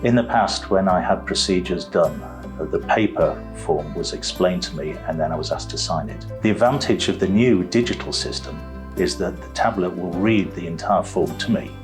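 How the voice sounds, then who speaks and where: A man, a patient volunteer, speaking in a steady, formal way in an interview. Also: deep voice, normal speed. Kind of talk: interview statement. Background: guitar music.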